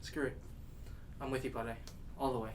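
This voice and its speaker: Easygoing young male student played by an actor, teasing, medium pitch, stage drama, noisy rumble. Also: little pitch movement, moderate pace, lightly acted. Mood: upbeat. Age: young adult. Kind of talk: scripted stage drama dialogue.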